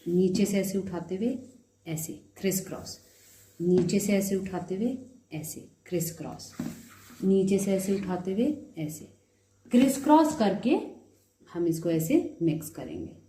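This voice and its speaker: A female cooking video host, her throat slightly sore, gives a chatty, friendly step-by-step tutorial on a home recipe, slipping English words into her speech. Her medium-pitched voice is mellow. There's slight background noise, and the room is echoey.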